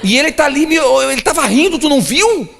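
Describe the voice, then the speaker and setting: A male pastor voicing his young daughter, pleading and indignant in a high, insistent voice. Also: expressive, fast talker, creaky, big-room sound, heavily acted. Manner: high-pitched, insistent, near shouting.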